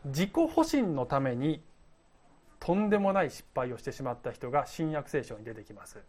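Chatty man preaching with lively pitch. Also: normal speed. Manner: chatty, laughs at himself, tells stories. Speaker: pastor. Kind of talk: casual conversational sermon.

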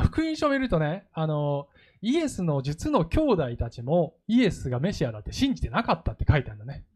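A male pastor preaching a sermon, telling stories and acting out quoted lines. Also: on the high side. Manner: lively storytelling, acts out quoted lines.

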